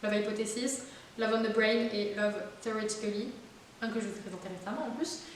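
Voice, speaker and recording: A woman's voice: mid-range voice, fairly even intonation, a little fast. A woman chatting casually about her new books, with many fillers and little laughs. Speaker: book vlogger. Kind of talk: casual book haul chat. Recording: very echoey room, distant mic, faint hiss.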